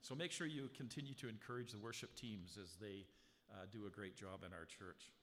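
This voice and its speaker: A pastor preaches in a church sanctuary with a strong, fairly low voice that holds a steady, fairly bright tone. He engages the congregation conversationally with rhetorical questions and turns slow and emphatic when reading scripture aloud. Captured via a handheld or stand mic adjusted live, the audio has a long hall reverb and slight background noise.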